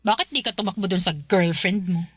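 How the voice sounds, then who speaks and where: An actress playing an exasperated older sister in a Filipino radio drama, blunt and scolding with a caring streak. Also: female voice, mid-range voice, brisk, breathy edge, no echo, natural voice. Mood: needling. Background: music bed.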